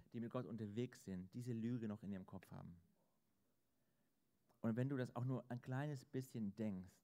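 A man preaching a sermon in a lively, conversational way and acting out inner voices. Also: mid-range voice. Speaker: pastor.

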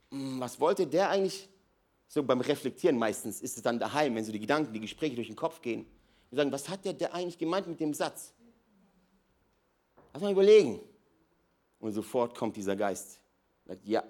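A man preaching an energetic sermon in a large church hall, swinging from loud emphatic bursts to quiet low asides. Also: brisk, pauses often. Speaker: pastor.

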